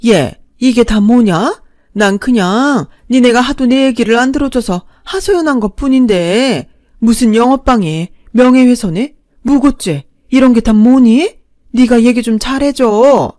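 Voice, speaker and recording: A woman voicing a brazen old stepmother-in-law who talks loud, whining and accusing. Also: a little high, lively intonation, normal speed, no room sound, studio quality, close to an everyday voice. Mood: pleading.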